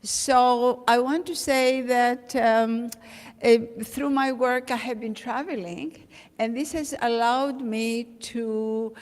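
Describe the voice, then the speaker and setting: A woman from Greece, speaking as an invited artist in a measured symposium talk full of ums. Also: fairly high pitch, steady tone. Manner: measured, with frequent ums and uhs. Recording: echoey hall.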